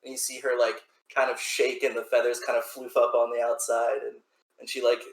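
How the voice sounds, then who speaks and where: A man's voice: medium pitch, monotone, fairly quick, creaky, roomy sound, low-quality recording. A man narrating as game master of a tabletop game, rambling loosely with many restarts.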